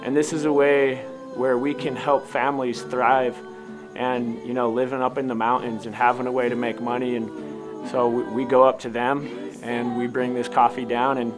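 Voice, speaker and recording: With music in the background and poor audio, the Utah coffee founder recounts how his company began, speaking at a normal speed in a level, mid-range voice. His personal story comes out loose and rambling, as though for an interviewer.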